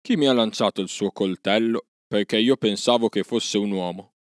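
A man's voice: lowish voice, moderate pace, no echo, studio quality, natural voice. A man voicing a proud old wolf, a former pack leader, with a growling, self-satisfied manner.

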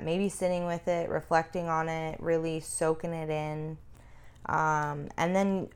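A woman's voice: low voice, smooth. A woman co-hosting a casual advocacy talk, informal and emphatic, repeating herself to drive points home. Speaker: co-host.

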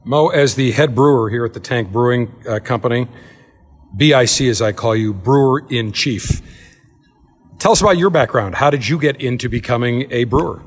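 A man's voice: mid-range voice, normal speed, long reverb tail, faint music behind. A man hosting a travel show, interviewing a guest in a large tasting room and telling stories as he asks questions. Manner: chatty, storytelling interviewer. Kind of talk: hosted interview.

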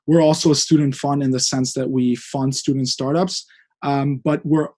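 A man's voice: medium pitch, steady tone, normal speed, a little mellow. A man in his twenties from Hungary, a guest director of a student fund, answering thoughtfully with many fillers and hedges. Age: 20s. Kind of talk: interview.

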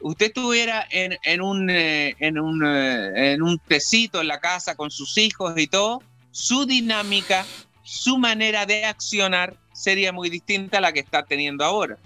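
A man's voice: high voice, lively intonation, normal speed, bright, forceful tone, clear, resonant tone, dry recording, soft background music. A man hosting a casual radio chat in a studio, talkative and teasing, lecturing at length. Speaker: radio host.

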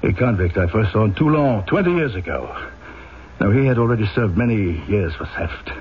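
A man's voice: lowish voice, lively intonation, close to an everyday voice. Stern, formal police inspector Javert on muffled old radio , acted by a man. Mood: grave, reporting. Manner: formal, emphatic, deliberate, self-accusing. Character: stern, rigidly honourable French police inspector confessing a fault. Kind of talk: old-time radio drama acting. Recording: muffled, noisy vintage radio recording.

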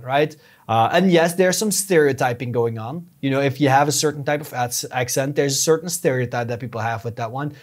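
Earnest man explaining, slightly high voice. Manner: earnest, explanatory, frequent restarts. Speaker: podcast guest, YouTube strategist. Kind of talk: casual conversational interview.

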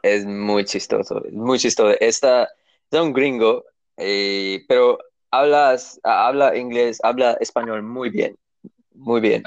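A man whose first language is English, chatting as a beginner learner of Spanish, halting and searching for words and slipping into English. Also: medium pitch, steady tone, no room sound, muffled recording. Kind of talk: casual conversation practice.

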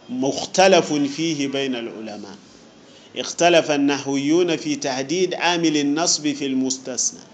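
A man's voice: on the high side, slight background noise. A man teaching an Arabic grammar lesson to students in a classroom, explaining patiently with worked examples, repeating key points and checking that they understand. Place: teaching room with students present.

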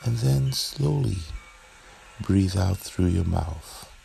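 A man with a very low, heavily creaky voice leads a guided meditation. He speaks very slowly and gently, leaving long pauses between short phrases. Ambient chimes and background noise sit under his soothing delivery. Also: lively intonation.

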